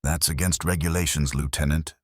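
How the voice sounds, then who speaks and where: A man voicing a cold, stern army captain with a faint German accent, clipped and commanding, in a dark fantasy audio story. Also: extremely low pitch, fairly even intonation, brisk, slightly rough, dry recording, studio quality.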